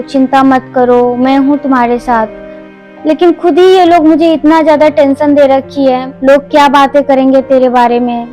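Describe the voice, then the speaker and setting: Young woman, fed-up daughter in a family soap, high voice, earnest and firm, faint music under it, as an actress plays her. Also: a little mellow, close to an everyday voice. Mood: worried. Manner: earnest, pleading then resolute. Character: young woman back at her mother's home, determined. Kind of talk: Hindi family drama acting.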